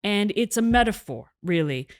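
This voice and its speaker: Speaking at normal speed with a mid-range, lively voice, a middle-aged woman guests on an interview. She's an author and journalist of half Egyptian, half British descent who grew up in Canada, and she lays out her ideas articulately and at length, sometimes restarting.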